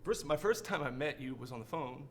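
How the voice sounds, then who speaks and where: A man's voice: mid-range voice, lively intonation, fairly quick, slight background noise. A man hosting a sit-down interview, asking questions and nodding along with short affirmations. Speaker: interview host.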